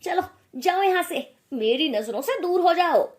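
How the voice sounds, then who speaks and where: A woman voicing a harsh, complaining middle-aged mother-in-law in an animated story, speaking in a sharp, scornful, nagging way. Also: very high-pitched, measured pace, pitched above the performer's own voice.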